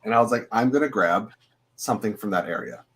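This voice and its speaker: A man's voice: on the low side, big pitch swings, fast talker, fairly bright tone. A man co-hosting a podcast, talking casually and rambling with lots of filler uhs. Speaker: co-host.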